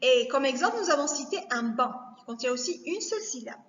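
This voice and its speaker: A woman teacher giving a recorded lesson to young children, speaking slowly and carefully, repeating each word to break it down. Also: high-pitched, expressive, a bit bright. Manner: slow, careful, repeats words to spell them out. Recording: echoey room, dull lo-fi sound.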